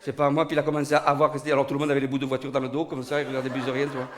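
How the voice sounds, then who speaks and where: A man telling a comic story in an animated way, full of sound effects. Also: medium pitch, rapid-fire. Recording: studio recording.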